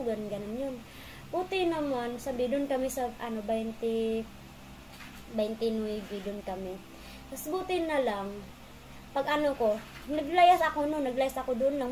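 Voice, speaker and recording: Halting young woman telling her story. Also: on the high side, a little mellow, slight background noise, rough recording. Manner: halting, repeats words, many fillers. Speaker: interviewee. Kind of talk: casual personal storytelling.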